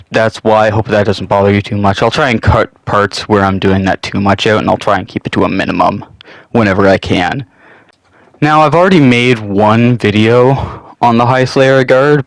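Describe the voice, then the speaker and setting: A young man, sniffling a little from a cold, hosts his channel with casual, rambling talk about a loosely scripted hobby topic, cursing every so often. His voice is lowish and a bit bright, heard on poor audio with no echo.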